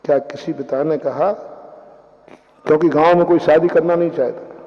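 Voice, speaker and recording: A man's voice: a little high, steady tone, normal speed, long reverb tail. Man, Jain monk, sermon, emphatic, rhetorical questions, dull recording.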